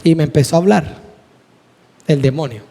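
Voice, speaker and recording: A man's voice: a little high, moderate pace, gravelly, dark tone. A middle-aged man, teaching a church class earnestly and acting out the dialogue in his personal stories. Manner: earnest, acts out dialogue vividly. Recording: echoey hall with long reverb.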